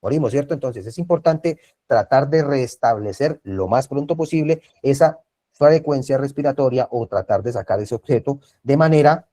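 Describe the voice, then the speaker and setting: Man teaching first aid on a video call, mellow voice. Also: medium pitch, lively intonation, moderate pace. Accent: Colombian Spanish. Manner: repetitive, checks in with frequent tag questions. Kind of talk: online class lecture.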